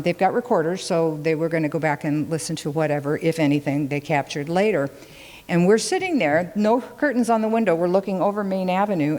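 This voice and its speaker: A woman's voice: on the low side, a little mellow. A woman doing informal fireside storytelling to a group in a conversational, rambling, descriptive way. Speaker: host of a ghost story talk. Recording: long hall reverb.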